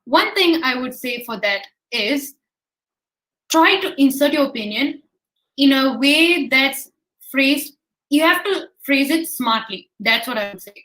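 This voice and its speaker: High-voiced woman giving advice. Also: expressive, measured pace, a bit bright, poor audio. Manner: encouraging, gives advice in plain terms. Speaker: guest speaker. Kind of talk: answering audience questions on a webinar. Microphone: video call.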